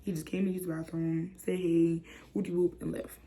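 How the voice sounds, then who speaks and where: A young woman tells a story to her viewers in a loose, chatty way. Her voice sits low and mellow, then leaps high or falls to a hushed whisper whenever she replays a moment. The delivery is expressive and casual. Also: a little fast. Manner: animated, acts out quotes with sudden whispers and high squeals. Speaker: vlogger.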